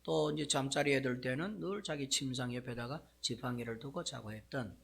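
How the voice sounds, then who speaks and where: A male pastor preaching a sermon, telling the story in a lively way with frequent asides to the congregation. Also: medium pitch, fairly quick, creaky, husky.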